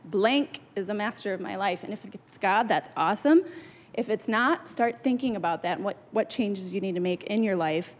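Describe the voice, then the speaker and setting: A woman's voice: mid-range voice, normal speed. A woman, the pastor's wife, speaking earnestly and a little hesitantly to a congregation. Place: church hall. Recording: long hall reverb.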